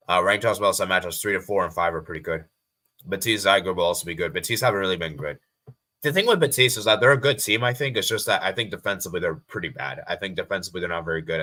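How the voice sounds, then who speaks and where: A man's voice: sits low, bright, forceful tone. An American man hosting a live stream, chatting casually and reading viewer comments aloud, often repeating himself. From USA.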